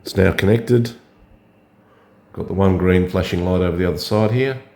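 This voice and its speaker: A man with a scratchy, hoarse voice from a cold, hesitantly talking through a setup step by step. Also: sits low, moderate pace, dark tone. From Australia. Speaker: drone hobbyist. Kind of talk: casual tutorial narration.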